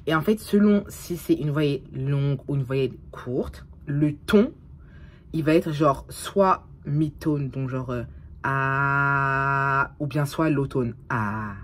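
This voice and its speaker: A woman's voice: low-pitched, a little slow, a little mellow, breathy edge. A young woman vlogging in a casual, chatty way, tired, swearing often and dropping English phrases into her talk. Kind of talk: casual vlog chat.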